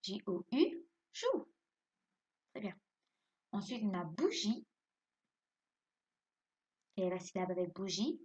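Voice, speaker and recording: Slow, patient woman teaching phonics. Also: mid-range voice, animated, a little mellow, slightly rough. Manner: slow and patient, quizzing pupils then answering herself. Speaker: primary school teacher. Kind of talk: phonics lesson, spelling words letter by letter. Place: at home.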